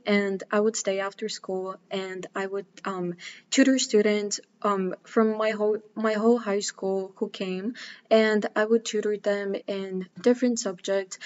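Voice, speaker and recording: A woman's voice: medium pitch, darkish tone, lo-fi sound. Earnest young woman introducing herself as a tutor. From Bulgaria. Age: 20s. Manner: earnest, with frequent um fillers. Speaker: math tutor. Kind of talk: casual self-introduction to camera.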